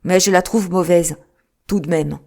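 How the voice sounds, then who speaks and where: A woman voicing a brisk, businesslike male lawyer in an audiobook, quick to take offence. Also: on the low side, steady tone, vocal fry, a little mellow. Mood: irritated. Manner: plain, businesslike, quickly irritated. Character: brisk, touchy middle-aged male lawyer. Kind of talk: audiobook character reading.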